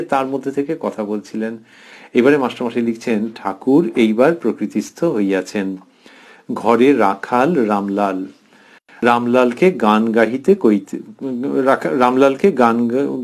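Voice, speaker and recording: A middle-aged man giving a devotional lecture, reading quoted passages aloud and explaining them slowly and earnestly. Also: medium pitch, a little mellow. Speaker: spiritual lecturer. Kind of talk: devotional scripture commentary.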